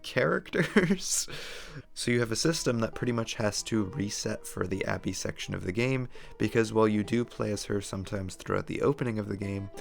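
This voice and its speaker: A man hosting a video essay in a casual, opinionated commentary style, his voice hoarse and worn as if he is losing it. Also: lowish voice, brisk, soft background music.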